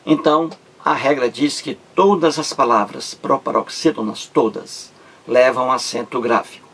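Male teacher, husky voice, slow and deliberate, repeats words for emphasis. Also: mid-range voice, fairly bright tone. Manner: slow, drawn-out syllables, repeats words to stress them. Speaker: Portuguese language teacher. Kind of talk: video grammar lesson.

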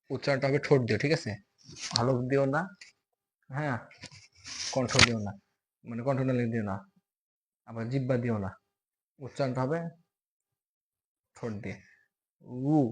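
A man with a Bangladeshi Bengali accent teaching Quran letter pronunciation, repeating sounds slowly and loudly as demonstrations and often asking "okay?". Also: medium pitch. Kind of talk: recitation lesson on letter pronunciation.

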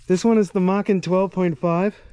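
Holding the camera himself, a kayak rental guide walks around a rural property outdoors and describes it in a plain, matter-of-fact way for a casual video. His voice sits high yet has a dark, clear, resonant tone, and he speaks steadily at a moderate pace.

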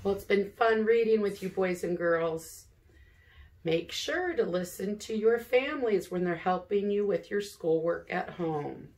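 In a living room at home, a middle-aged elementary teacher settled in an armchair reads aloud to young kids in a slow, deliberate way, sounding words out and asking questions. Her voice is mid-range with a somewhat dark tone.

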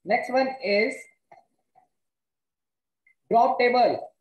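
Slow-talking North Indian woman teaching. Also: fairly high pitch, highs cut off. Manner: halting, repeats words and questions students. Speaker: computer science teacher. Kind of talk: online lesson, explaining step by step. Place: indoors, online class with screen share. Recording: echoey room.

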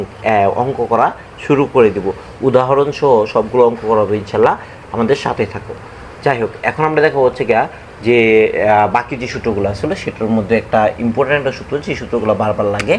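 A young man, teaching math formulas in a casual lesson. He asks questions, answers them himself, and drags the formulas out slowly. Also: mid-range voice. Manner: slow and deliberate, drawn-out formulas. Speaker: math tutor. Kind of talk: casual classroom explanation. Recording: faint background noise.

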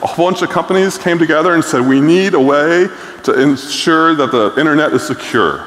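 A middle-aged man speaks from a conference stage in a voice on the high side, slightly bright and fairly quick. His keynote is blunt and enthusiastic and peppered with filler words, and the recording carries the echo of the hall.

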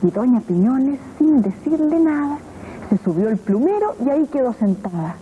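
A woman narrating a rhyming children's story in an expressive, sing-song way. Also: high-pitched, normal speed, slight background noise. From Chile. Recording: lo-fi old TV tape audio.

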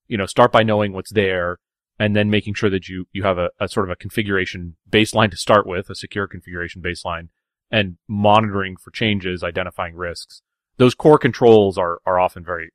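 A man's voice: low voice, no room sound, studio quality. A man hosting a podcast interview, asking conversational questions and often repeating words as he talks. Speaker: podcast host.

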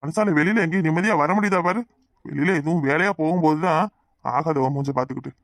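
A woman's voice: low-pitched, quick pace, dry recording, clean studio sound, pitched below the performer's own voice. A woman voicing a grumpy, scornful old village man in a cartoon, speaking southern Tamil Nadu village Tamil in a curt, scolding way.

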